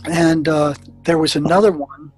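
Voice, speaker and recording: A man recalls his years as a prison therapist in a storytelling way. He stumbles often, repeating words and restarting his sentences. His voice sits a little high, and soft music plays faintly underneath. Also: fairly even intonation, normal speed, breathy edge, rough recording. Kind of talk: storytelling recollection.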